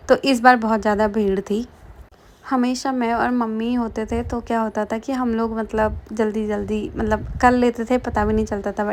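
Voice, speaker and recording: A young woman from the Kumaon hills, chatting casually through her vlog narration with lots of fillers. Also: medium pitch. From Kumaon, Uttarakhand. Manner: chatty, frequent fillers, laughs while telling. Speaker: vlogger.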